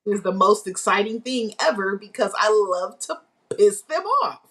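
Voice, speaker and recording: A woman's voice: mid-range voice, lively intonation, moderate pace, fairly bright tone, breathy edge. A woman co-hosting a casual live podcast, blunt and teasing. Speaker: podcast co-host.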